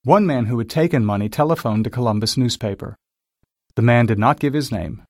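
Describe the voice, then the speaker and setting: A man narrating a simple story in a slow, clear, scripted reading style. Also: medium pitch, no echo, studio quality.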